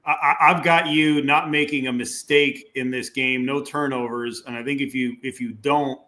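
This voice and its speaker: A man co-hosts an online sports recap. He talks directly and asks pointed questions in a bright, clear voice. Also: medium pitch, steady tone, normal speed. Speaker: co-host, analyst. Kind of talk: casual sports analysis.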